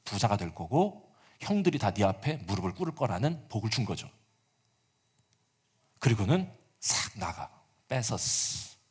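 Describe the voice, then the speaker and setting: A man's voice: lowish voice, sing-song, normal speed, long pauses, slightly rough. A male pastor preaching a sermon, retelling a story with casual asides and acted-out quotes.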